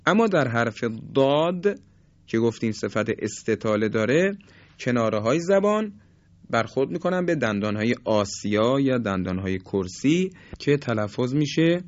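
A man teaching Quran recitation rules, explaining calmly and slowly stretching out example words to show each sound. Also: medium pitch, dry recording. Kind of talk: tajweed lesson. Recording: dull, dry recording.

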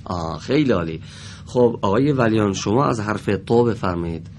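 A man teaching Quran recitation on a broadcast lesson from a studio. He speaks slowly and patiently, modelling each sound for students to repeat. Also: on the low side, lively intonation, darkish tone, slight background noise.

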